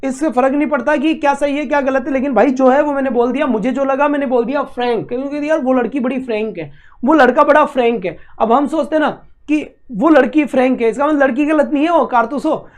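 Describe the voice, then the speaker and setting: A man's voice: very high-pitched, quick pace. A man teaching a vocabulary lesson, asking and answering his own questions and scolding students teasingly. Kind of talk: classroom-style vocabulary lesson.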